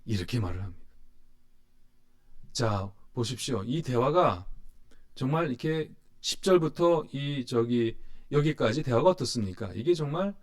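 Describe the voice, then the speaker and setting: A man's voice: medium pitch, lively intonation, unhurried. A man teaching a church Bible study, retelling the story expressively and posing rhetorical questions to his class.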